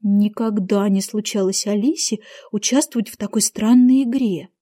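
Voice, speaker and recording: A woman narrating a fairy tale in an expressive, lively reading. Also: mid-range voice, normal speed.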